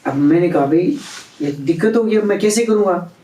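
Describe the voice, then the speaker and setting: High-voiced man telling a story. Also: moderate pace. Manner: animated storyteller acting out quoted dialogue. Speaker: interview guest. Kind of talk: storytelling in an interview. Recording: roomy, distant from the mic.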